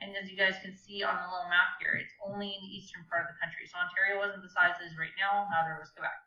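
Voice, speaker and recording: A woman's voice: lowish voice, little pitch movement, fast talker, bright, forceful tone, dull audio. A woman, teaching a recorded lesson to a class in a cheerful, chatty way and speaking straight to her students. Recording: echoey room.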